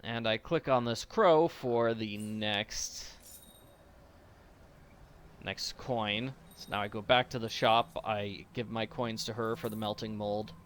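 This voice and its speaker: Bright-voiced man giving game commentary. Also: lowish voice, slow pace, clean tone. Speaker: game walkthrough host. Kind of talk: casual playthrough commentary.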